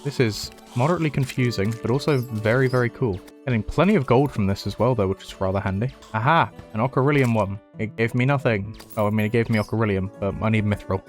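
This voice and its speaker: A man's voice: lowish voice, fast, few pauses. Man, casual gameplay commentary, chatty, sarcastic, faint background music. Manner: chatty, self-mocking, sarcastic asides. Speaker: gaming YouTuber.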